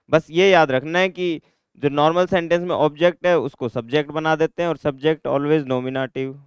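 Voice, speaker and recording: A man teaching German grammar in a classroom-style lesson, repeating words slowly to drill pronunciation. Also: mid-range voice, clear, resonant tone, dry recording, studio quality.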